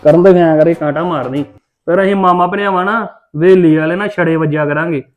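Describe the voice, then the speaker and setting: Brash teasing Punjabi man, rapid talk. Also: on the high side, highs cut off. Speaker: brother in a family drama. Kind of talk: Punjabi web-series acting.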